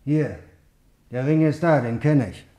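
An actor playing a cold, matter-of-fact conspirator in a classic radio play. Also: male voice, a little high, unhurried, dark tone, roomy sound, close to an everyday voice. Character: cold calculating conspirator man.

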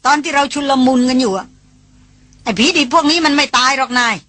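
A woman reader voicing an excited male porter in an audiobook, calling out his report. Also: very high voice, fairly quick, no echo, pitched above the performer's own voice, full character voice. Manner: shouting up excitedly.

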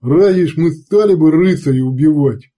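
A man voicing a crude, excitable male redcap savage who talks loud and whiny in an audiobook. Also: a little high, voice pushed up, close to an everyday voice. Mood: pleading excited. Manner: loud, hurried, whiny boasting.

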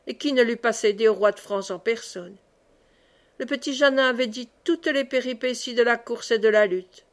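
A woman reading a classic novel aloud as an audiobook, expressive in the dialogue. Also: fairly high pitch. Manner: expressive, raises voice for cries. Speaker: audiobook reader.

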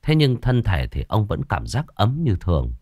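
A man narrating a scripted ghost story in a dramatic, suspenseful way with slow pauses. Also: lowish voice, wildly swooping pitch, darkish tone, no room sound, studio quality.

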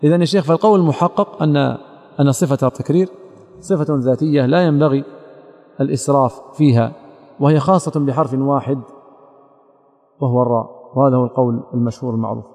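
Male religious teacher, quick delivery, gravelly edge, methodical lecture, long hall reverb. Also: mid-range voice, mellow. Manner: methodical, addresses a student directly, quotes scholars. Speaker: sheikh teaching recitation rules. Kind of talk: explanatory lecture on a didactic poem.

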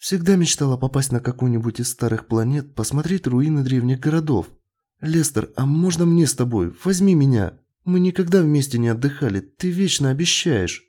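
Man doing a timid pleading wife, raised pitch, lively. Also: normal speed, few pauses, husky. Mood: eager. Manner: pleading, tearful.

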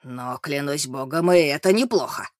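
A man doing a loud drunk restaurateur. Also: on the high side, normal speed, no room sound, clean studio sound, close to an everyday voice. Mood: drunk elation. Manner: loud, exclamatory. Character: drunk, overexcited male ex-restaurateur. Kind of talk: audiobook character reading.

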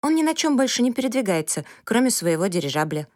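A woman doing a sassy, high-voiced teenage girl. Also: big pitch swings, fast talker, a little mellow, no room sound, studio quality. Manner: high-pitched, sassy, emphatic. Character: pert, dramatic teenage girl, quick to sulk.

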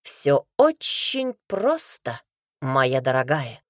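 A woman reading an audiobook voices a suave male investigator who speaks in a soft, purring, gently condescending way, lowering her pitch for him. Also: big pitch swings, slow, no room sound, studio quality, heavily acted.

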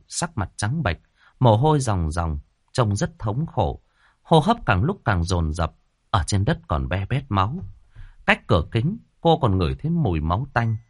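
A man narrating an audiobook story in a lively storytelling manner. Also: on the low side, no echo, studio quality.

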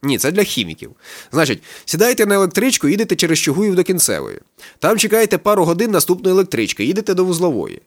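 A man reading an audiobook, voicing a cheerful, naive chubby young man who talks eagerly and chattily, pitching his voice up and speaking louder. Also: wildly swooping pitch, fast, no room sound, clean studio sound, heavily acted. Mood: chatty. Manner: eager, chatty, slightly slangy.

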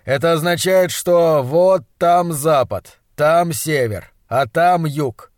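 A man putting on a hoarse, bossy scientist. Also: fairly high pitch, slow pace, no room sound, studio quality. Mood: brisk, hectoring. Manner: loud, emphatic, hectoring. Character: brusque excitable middle-aged male scientist. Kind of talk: audiobook character voice.

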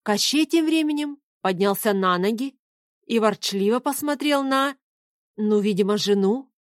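A woman narrating a fantasy audiobook in a slow, dramatic manner. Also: on the high side, expressive, no echo, clean studio sound.

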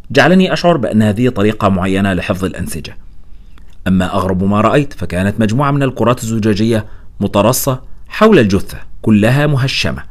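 A man narrating a horror novel in the first person, in a quick, lively storytelling manner. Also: fairly low pitch.

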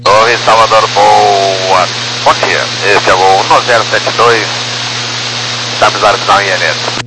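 A man's voice: on the low side, steady tone, a little slow. A Brazilian man, an airline pilot, making aviation calls over a crackly radio. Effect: crackly radio transmission. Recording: very noisy cockpit radio with hum.

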